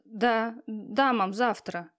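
A woman's voice: on the high side, fairly even intonation, extremely slow, a bit bright. A woman reading an audiobook, voicing a flustered young female student who talks hesitantly and anxiously.

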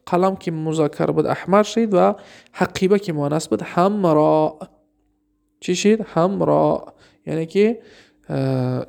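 A man with a Tajik accent teaching Arabic grammar, reading example sentences slowly and then quizzing his listeners with questions he answers himself. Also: a little high, creaky, a little mellow. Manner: asks rhetorical questions and answers them himself. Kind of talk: classroom lesson.

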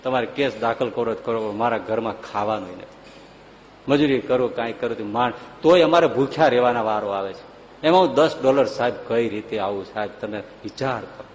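A man voicing a poor, indebted neighbor who pleads softly about his hunger. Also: brisk, dull audio, lightly acted. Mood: pleading. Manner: soft, low, pleading. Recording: long hall reverb, faint background noise.

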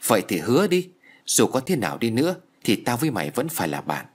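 A man's voice: mid-range voice, wildly swooping pitch, quick pace. A man voicing his reckless young friend in an audiobook story. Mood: boastful. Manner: rough, swaggering, later shaken.

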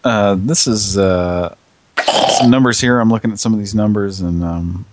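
A man's voice: on the low side, normal speed, heavy background noise. A man hosting a casual live show, rambling with fillers and swearing. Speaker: podcast host. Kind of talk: casual chat.

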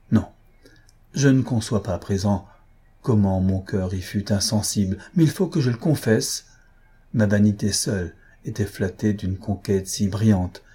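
A man reading an audiobook, voicing an impetuous, remorseful young gentleman who speaks in an impassioned, earnest and pleading way. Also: fairly low pitch, measured pace, breathy edge. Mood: confessional.

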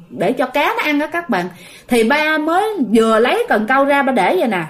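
A woman telling a ghost story in a chatty way, talking straight to her listeners. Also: a little high. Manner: chatty, addresses listeners directly.

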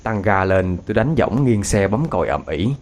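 A man narrating a ghost story in a dramatic, expressive way. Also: lowish voice, moderate pace.

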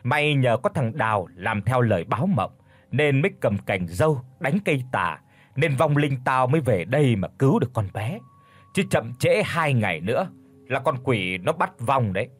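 A man doing a gruff old ghost grandfather. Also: very animated, normal speed, dry recording. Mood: commanding. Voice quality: booming, gruff. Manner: commanding, scolding. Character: old grandfather's ghost speaking through a boy, gruff and bossy.

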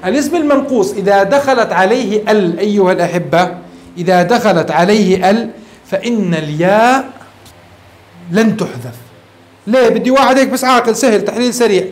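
Male grammar teacher, Levantine accent, high voice, patient classroom explainer. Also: a little fast. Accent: Levantine Arabic. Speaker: sheikh teaching Arabic grammar.

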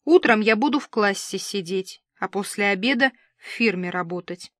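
A defiant teenage girl, voiced by a woman reading a novel lays down her terms curtly and stubbornly. The voice stays at an ordinary pitch. The sound is dry and close to the mic. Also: moderate pace, dry recording, close to an everyday voice.

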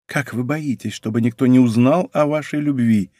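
A man reading a marquise in an audiobook, keeping her soft, hushed and faintly bitter. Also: mid-range voice, normal speed, dry recording, lightly acted. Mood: wistful. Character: grieving, guarded young noble marquise. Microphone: close studio microphone.

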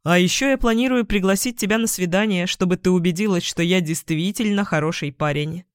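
A woman voicing a calm, patient young man with a gentle wry humor in an audiobook. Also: lowish voice, fairly quick, smooth, no echo, studio quality, natural voice.

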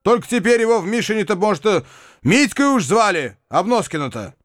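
A hot-tempered landowner who huffs and grumbles with biting sarcasm, as a man acts him out in a storybook reading. His voice jumps high and loud, swinging wide with indignation, and sits close and dry on the mic. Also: sing-song, a little fast, no echo. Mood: sarcastic, furious.

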